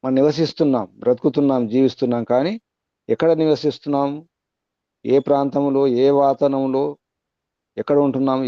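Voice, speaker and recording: Man slowly explaining a Vedic verse. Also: mid-range voice, mellow, no echo, dull audio. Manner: chants the verse slowly, then explains it in measured phrases. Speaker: Vedic teacher.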